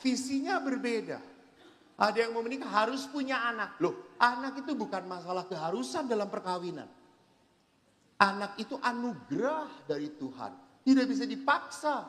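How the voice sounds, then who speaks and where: Animated priest in an echoing hall. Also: male voice, sits high. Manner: animated storyteller, acts out quoted voices, jokes with the audience. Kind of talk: humorous seminar talk. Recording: reverberant hall.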